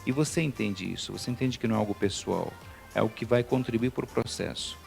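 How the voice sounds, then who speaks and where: A man's voice: fairly low pitch, quick pace, gravelly, darkish tone, soft background music. A middle-aged Brazilian man, a teacher, speaking as a guest in a TV interview, hesitant with many fillers and restarts. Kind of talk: TV studio interview.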